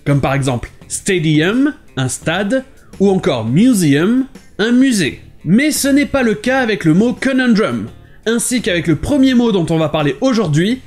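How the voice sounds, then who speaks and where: High, lively male language teacher. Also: measured pace, faint music behind. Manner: clear, didactic delivery, switching between languages. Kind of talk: short explainer lesson.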